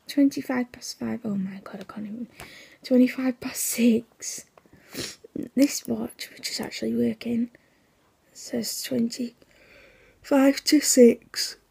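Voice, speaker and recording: A young woman rambles through a casual vlog chat. Her voice is hoarse and nearly gone, a gravelly, breathy half-whisper. She sounds drowsy, piling on fillers as she talks. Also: a little high, warm tone. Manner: rambling, chatty, with many fillers. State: sleepy, yawning. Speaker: vlogger.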